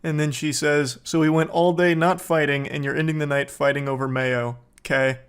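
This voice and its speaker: Male comedic commentator, somewhat high voice, sarcastic and mocking, reading texts aloud with loud outbursts. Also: level tone, normal speed, clean tone.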